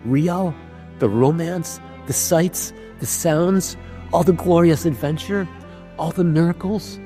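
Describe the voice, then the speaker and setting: A man's voice: fairly high pitch, slow pace, warm tone, faint music behind, voice pushed up. Man doing a heartbroken dreamer heroine. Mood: wistful lament. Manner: wistful, sweeping, lamenting. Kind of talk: dramatic reading over music.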